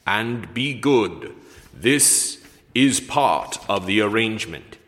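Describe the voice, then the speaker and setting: A man reading a storybook as the Hogfather, a solemn, literal-minded gift-giver with a slow, deadpan delivery in heavy reverb. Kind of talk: storybook read-aloud character voice. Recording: long booming reverb.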